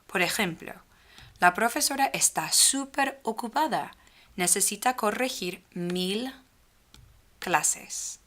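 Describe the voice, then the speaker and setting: A woman teaching a grammar lesson, speaking slowly and clearly and drawing out the example sentences. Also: fairly low pitch, a bit bright. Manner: slow, clearly spaced speech with stretched example phrases. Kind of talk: slow, careful grammar lesson.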